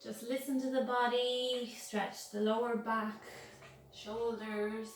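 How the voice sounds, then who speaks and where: A woman guides a yoga class with calm, soothing instructions in a fairly high voice. She speaks very slowly and sounds distant from the mic in a very echoey room. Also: a little hiss or hum.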